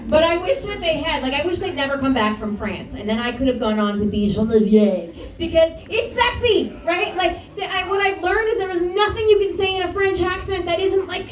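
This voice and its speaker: A woman comedian performing a stand-up set in a comedy club, with wry, self-deprecating banter toward the audience. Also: very high voice. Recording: echoey club from a distance, crowd laughter.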